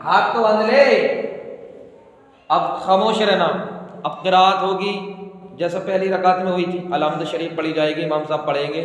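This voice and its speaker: High-voiced man teaching in an echoey hall. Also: steady tone, moderate pace, pauses often. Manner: directive, checks with "ठीक है?". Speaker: religious teacher. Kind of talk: instructing children through a prayer demonstration. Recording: very echoey hall with long reverb.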